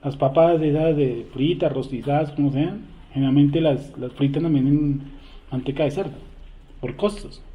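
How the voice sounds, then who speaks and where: A man with a slightly high voice, speaking at a normal pace, leads a Torah study class, reading verses aloud and repeatedly putting rhetorical questions to the group. The recording sounds tinny and echoey, like a phone.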